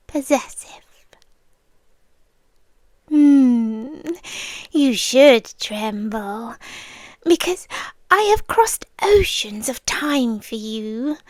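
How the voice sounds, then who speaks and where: A British woman with a high-pitched voice plays a centuries-old vampire countess in a girlfriend ASMR roleplay, heavily acted and dry-sounding. She's intimate and theatrical, possessive and adoring, often dropping into whispers, with a menacing yet devoted mood.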